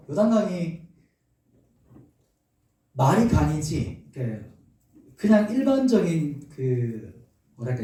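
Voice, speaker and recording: A man's voice: a little high, dark tone. A male pastor preaching a sermon, telling a story with animation and asking his congregation questions. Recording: echoey hall, from far off.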